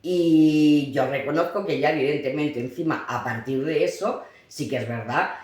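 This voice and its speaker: A woman's voice: sits low, moderate pace, heavy reverb. A middle-aged woman from tells a family story to her daughter. She acts out the voices in it and often restarts her sentences. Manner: animated, acts out quoted voices, frequent restarts. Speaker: mother of the host, guest. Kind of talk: casual storytelling.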